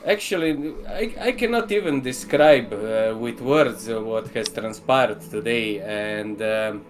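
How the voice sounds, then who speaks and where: Halting man playing a devout character. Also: on the low side. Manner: halting, with many fillers. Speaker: player. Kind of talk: in-character role-play.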